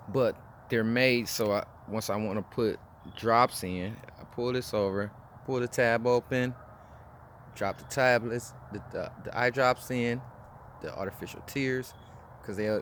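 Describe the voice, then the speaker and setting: A man's voice: on the low side, a little hiss or hum. A man in his forties casually reviewing his own experience in a vlog, rambling with frequent restarts and fillers. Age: 40s. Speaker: vlogger.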